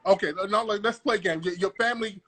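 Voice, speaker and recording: The host of a live call-in room interrogates callers as a comedy bit, swearing, pressing hard and repeating himself. He talks fast in a high, sharp voice.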